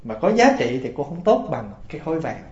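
A man's voice: on the high side, big pitch swings, brisk, darkish tone. Folksy man preaching. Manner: folksy, asks the audience questions. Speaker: Buddhist preacher. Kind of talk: storytelling sermon. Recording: roomy, dull lo-fi sound.

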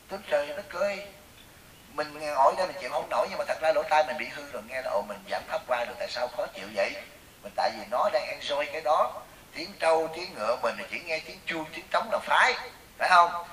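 A man with a Southern Vietnamese accent, giving a Buddhist sermon as a teacher and telling lively stories that question the audience. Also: mid-range voice. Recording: echoey room, voice from far off, faint hiss.

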